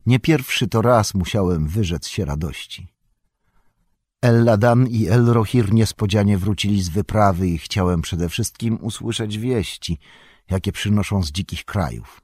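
Grave calm ranger, read by a man, deep husky voice, measured. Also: no room sound, clean studio sound. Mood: serious. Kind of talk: audiobook character voice.

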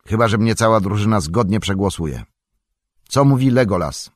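A man voicing a proud, forceful male warrior in an audiobook, talking bluntly with a raised voice. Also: on the low side, lively intonation, normal speed, dry recording, clean studio sound, pitched above the performer's own voice. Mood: defiant. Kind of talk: audiobook character reading.

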